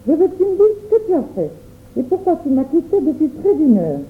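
A woman's voice: sits high, big pitch swings, a little fast, slight background noise. A woman playing a stern, scolding mother. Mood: demanding. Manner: scolding, sharp and imperious. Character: stern, quick-tempered mother. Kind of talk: storybook reading. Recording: tinny phone-like audio.

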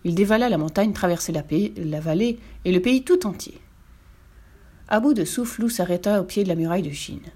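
A woman reading a children's storybook aloud as the narrator, in a lively, expressive way. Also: fairly low pitch, a little fast.

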